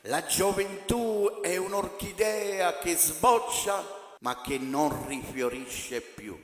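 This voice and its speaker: Man, slightly high voice, formal recital of maxims, long reverb. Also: takes it slowly. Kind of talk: reciting sayings in formal Italian. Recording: echoey hall, noisy.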